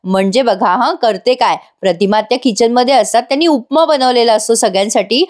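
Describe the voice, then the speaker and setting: A woman narrating a voice-over review of a family serial, chatty and addressing her viewers directly. Her voice sits fairly high and conversational. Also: brisk. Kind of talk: voice-over episode retelling.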